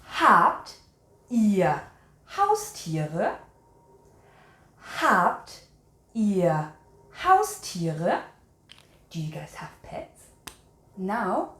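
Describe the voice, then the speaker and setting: In an echoey room, a woman with a medium-pitched voice hosts a language channel and walks viewers through a quiz. She teaches in an instructive way, repeating her example sentences and enunciating them carefully.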